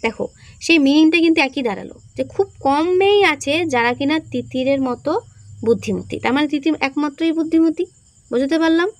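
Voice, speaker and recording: High-voiced Bengali woman teaching grammar. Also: dry recording. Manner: explains step by step, often asks "understood?"; reads English sentences slowly and carefully. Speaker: English teacher. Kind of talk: exam-focused grammar lesson.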